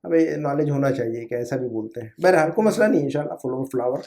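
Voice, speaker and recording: A man's voice: on the high side, expressive, darkish tone. A man teaching an Arabic lesson in Urdu. He drills new words patiently, prompts his students, corrects them, and often fills with "jo hai na". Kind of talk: live online language lesson.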